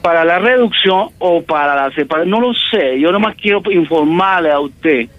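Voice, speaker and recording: A man playing a boastful doctor on a prank call, calmly explaining and saying "ajá" often. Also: fairly high pitch, moderate pace, no echo, muffled recording, natural voice. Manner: patient, explaining, lots of "ajá". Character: smug, boastful male doctor.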